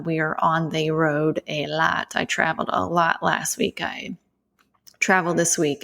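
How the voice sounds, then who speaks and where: A woman, a podcast co-host, talking earnestly in a halting, casual way and sometimes dropping to a soft near-whisper. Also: deep voice, vocal fry.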